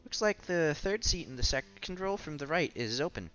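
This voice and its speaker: A man voicing a clumsy, excitable young female teacher who stammers when flustered. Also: a little high, normal speed, pitched above the performer's own voice. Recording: slightly dull with music behind.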